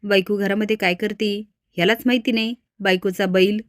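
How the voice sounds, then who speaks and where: A woman's voice: medium pitch, fairly even intonation, brisk, dry recording, clean studio sound, lightly acted. A woman narrator voicing a needling housewife who taunts her relatives. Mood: taunting.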